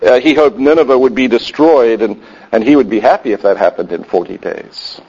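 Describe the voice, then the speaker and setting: A man's voice: medium pitch, fairly quick, a little mellow, breathy edge. A man preaching a sermon in a conversational way with wry asides. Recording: dull lo-fi sound.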